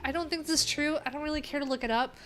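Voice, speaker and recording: Her voice is high-pitched, steady, somewhat bright, and rapid-fire, with slight background noise in the recording. She's an American woman in her thirties hosting a livestream from a small, cluttered room, chatting in a rambling, wry, informal way over background music while reading docs.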